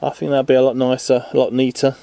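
With a mid-range, gravelly, mellow voice, flat delivery and quick pace, recorded without echo, a man narrates his boat repair. He's outdoors in a garden workshop with a handheld camera, offering rambling, self-deprecating how-to talk peppered with ums.

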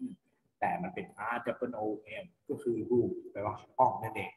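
Thai-accented male teacher, slow and patient phonics lesson, roomy reverb. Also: lowish voice, steady tone, a little mellow. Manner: patient, spells words letter by letter, asks and answers own questions. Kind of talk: online English phonics lesson for children. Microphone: computer mic for online class. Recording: echoey, reverberant room.

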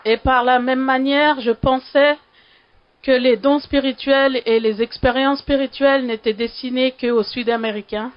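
A woman's voice: sits high, steady tone, measured pace, highs cut off. A woman from Sri Lanka giving a heartfelt testimony in a church hall, faltering a little at emotional moments.

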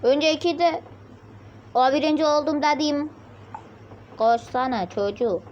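A high-voiced woman streaming a mobile game, talking to herself and her viewers in a chatty running commentary. She keeps breaking into sudden shrill yelps and insults at opponents. A faint hiss of noise sits under her voice. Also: a little slow, darkish tone, dull audio. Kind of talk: casual gameplay commentary.

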